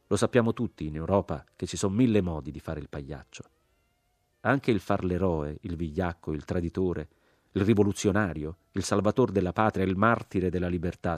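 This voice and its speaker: Deep-voiced guy reading a novel aloud, grave and measured, dry close sound. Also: darkish tone, no room sound. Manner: measured, grave first-person narration. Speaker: audiobook narrator. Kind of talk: literary audiobook reading.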